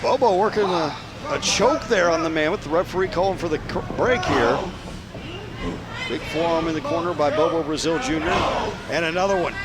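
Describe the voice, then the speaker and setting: A man's voice: a little high, a little fast, very noisy. A man calling live wrestling action as the play-by-play commentator, emphatic and speaking in short bursts. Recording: loud music behind commentary.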